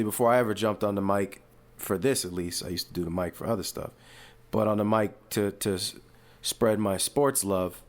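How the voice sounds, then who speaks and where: A man hosting casual sports commentary, rambling and animated with frequent asides and restarts. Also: fairly low pitch. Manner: uses fillers and restarts, talks casually.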